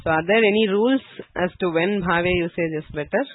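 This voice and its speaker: A man with a high, husky voice leads an online grammar lesson, explaining patiently and pausing on "okay" and "so". The sound is thin and phone-like, and dry with no room around it. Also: dry recording. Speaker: Sanskrit grammar teacher. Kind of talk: online class lecture answering questions.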